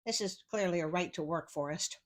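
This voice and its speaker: A woman's voice: lowish voice, a little fast. A woman reading fairy tales aloud and breaking off often with sarcastic, wry comments. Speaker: storyteller.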